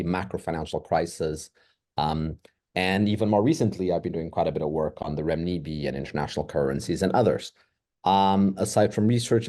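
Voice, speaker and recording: A middle-aged Portuguese economics professor with a low, warm voice lectures in a measured way, using rhetorical questions to explain his points.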